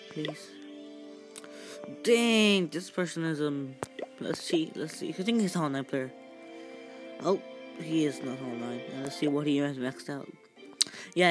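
Male gaming host, higher voice, rambling and excitable commentary, loud cheers, game music under him. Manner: rambling, halting, with many fillers and restarts. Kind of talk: casual gameplay commentary.

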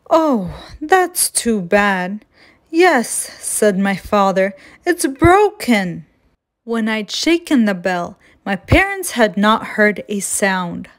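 Female storyteller, slow gentle picture-book read-aloud, mid-pitched voice. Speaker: children's storyteller.

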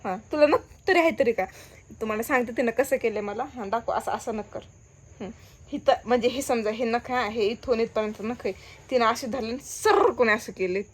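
Brief: higher-voiced woman, casual vlog chatter, laughs often, complains with a grin. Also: a little fast. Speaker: vlogger.

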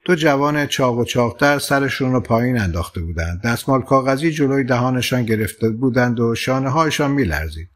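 Calm male audiobook narrator. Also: medium pitch. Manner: calm, measured storytelling with lightly voiced quoted lines. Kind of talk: scripted narration.

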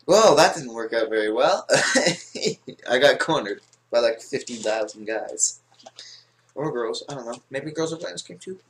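A man casually commentating his own gameplay for viewers, joking at his own expense, swearing, whispering when tense and jumping into a squeaky high voice to taunt other players. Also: animated, a little slow, fairly bright tone, a little hiss or hum. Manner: jokey, self-mocking, swears, talks to viewers. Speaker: gaming video host.

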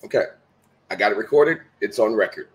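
Fairly quick and on the low side, this middle-aged man's voice carries a motivational message as a guest on a home video call. He's emphatic and preachy, returning often to his key phrases.

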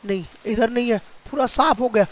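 A high-voiced man with a Hindi-speaking Indian accent commentates his gameplay live, excitable and chatty as he calls out to viewers. Game sounds and ambience run clearly behind him. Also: brisk, a little hiss or hum. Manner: excitable, addresses viewers as guys.

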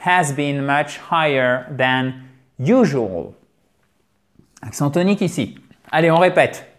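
A man teaching English pronunciation at a board. He talks lively, calls his viewers dear friends, and slowly repeats English words to model each sound. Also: on the high side. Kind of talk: explaining a lesson at a board.

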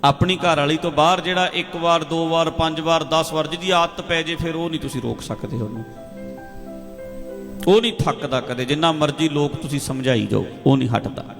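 A male preacher giving an animated sermon that tells a story, repeating points for emphasis. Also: a little high, a little fast. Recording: echoey hall with faint music.

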